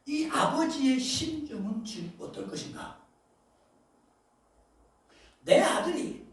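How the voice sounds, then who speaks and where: A male pastor preaching a sermon, emphatic, with loud bursts and asides, often questioning his congregation. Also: very high-pitched. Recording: very echoey hall, voice far from mic.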